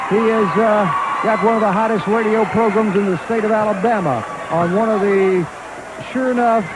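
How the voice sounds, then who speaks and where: Male wrestling broadcast host, high pitch, live desk delivery over arena noise. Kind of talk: live sports broadcast hosting. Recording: noisy arena crowd behind the voice.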